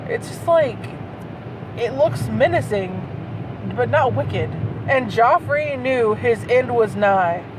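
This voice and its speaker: This host has a fairly high, lively voice and takes her time, giving bad fan fiction a dramatic reading before cutting in with stunned, foul-mouthed remarks. The setting is the inside of a moving car, and vehicle noise is plainly heard throughout.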